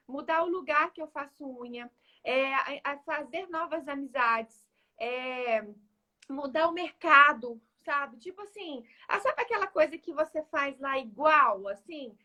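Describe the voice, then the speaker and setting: A woman in a casual live chat, talking in an animated, chatty way with many fillers. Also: high voice. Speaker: guest speaker.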